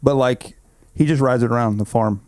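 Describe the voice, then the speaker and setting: A man's voice: medium pitch, moderate pace, darkish tone, dry recording, clean studio sound. Easygoing man telling stories. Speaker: podcast co-host. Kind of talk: casual chat.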